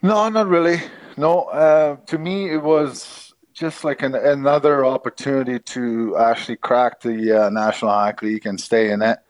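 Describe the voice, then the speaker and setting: A middle-aged man with a Czech accent, answering interview questions in a halting way with many fillers. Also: mid-range voice, fairly even intonation, no echo. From Czech Republic. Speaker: former hockey player, guest.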